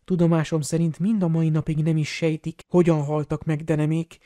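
A man doing a calm old headmaster. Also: fairly high pitch, no echo, studio quality, close to an everyday voice. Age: older. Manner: calm, explanatory.

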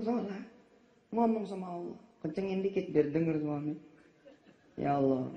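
Gravelly joking preacher. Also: male voice, fairly high pitch. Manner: joking, playfully acting out quoted people. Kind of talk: humorous sermon to a congregation. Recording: echoey, dull lo-fi hall recording.

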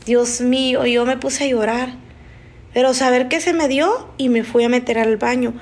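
A woman on a live stream telling a frightening personal story in a halting, emotional way, often restarting her sentences. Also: sits high, fairly even intonation. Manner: halting, emotional, with frequent restarts and nervous laughs. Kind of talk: casual spoken storytelling.

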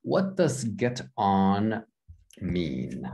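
An American man leads an English lesson over a video call. His low voice swings up and down a lot as he praises and gently corrects his students. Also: big pitch swings, drawn-out words, vocal fry. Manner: encouraging, corrects gently and repeats phrases. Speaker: English teacher. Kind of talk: online class instruction.

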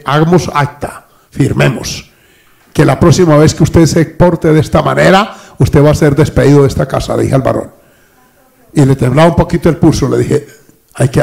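A man's voice: medium pitch, moderate pace, creaky. An older man, preaching a sermon as pastor and acting out the dialogue of people in his stories. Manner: preaching with lively acted-out dialogue.

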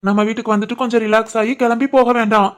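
An easygoing young husband in a cartoon, as a woman voices him, talking quickly in a somewhat high voice. He speaks in a Kanyakumari-Tirunelveli Tamil accent, casual and patient. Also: flat delivery, slight background noise, lightly acted. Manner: casual, explaining.

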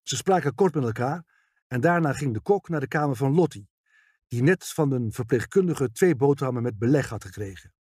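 A man's voice: mid-range voice, lively intonation, brisk, darkish tone, breathy edge, no room sound, studio quality. A man narrating a detective audiobook, reading expressively and voicing all the characters.

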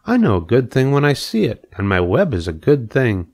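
A man voicing a calm, wise female spider in a storybook reading, measured and reassuring. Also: medium pitch, voice pushed up. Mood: thoughtful. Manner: measured, reassuring, matter-of-fact.

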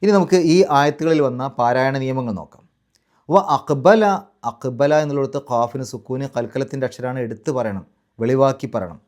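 A man teaching Quran recitation rules in a class, patiently repeating each rule step by step and drawing out the Arabic example words slowly. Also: mid-range voice, a little mellow.

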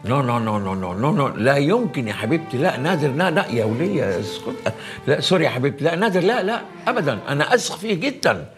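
A man's voice: medium pitch, sing-song, rapid-fire, few pauses, over music, natural voice. An actor playing a flirtatious father who talks in a playful, teasing way, with an Egyptian accent. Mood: reassuring. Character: flirtatious middle-aged father.

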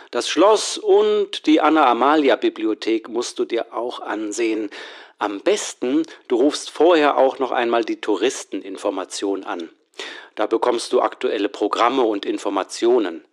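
A man's voice: medium pitch, close to an everyday voice. Actor as helpful man leaving a voicemail. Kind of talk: scripted answering machine message for a German listening exercise.

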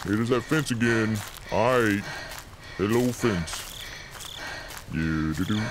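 A man's voice: medium pitch, fairly even intonation, slow pace, noisy background. Jittery young man humming through a horror game. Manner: talks to himself, hums nervously, jokey and jumpy. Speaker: let's play gamer. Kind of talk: horror game let's play commentary.

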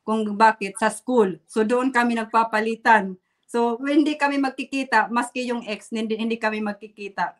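A Filipina woman from the Philippines, a guest telling a painful personal story in a halting way, holding back tears and laughing nervously. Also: fairly high pitch. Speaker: interview guest. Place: Germany.

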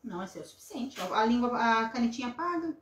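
Seated at a table in a small indoor craft room, a woman casually hosts a live craft tutorial and greets people in the chat. Her voice is a little high, animated and fast. The recording has roomy echo, some background noise and clicks.

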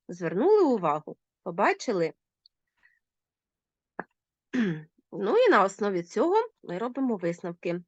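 A woman teacher giving a recorded grammar lesson to schoolchildren, spelling out example words slowly and clearly. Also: no room sound, lo-fi sound. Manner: slow, deliberate dictation of examples with lively pitch jumps.

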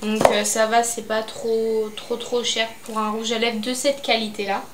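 Speaking at a moderate pace in a slightly high, level voice, a young adult beauty vlogger rambles hesitantly about her beauty and fashion haul, with plenty of fillers. The recording has an echoey room and a faint noise floor.

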